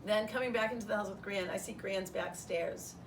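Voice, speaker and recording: Sounding like a third-grade teacher reading aloud, a woman brings expressive energy to a first-person children's story at a fairly quick clip. Her voice is mid-pitched with a creaky edge. She's recorded from a distance, with faint noise beneath.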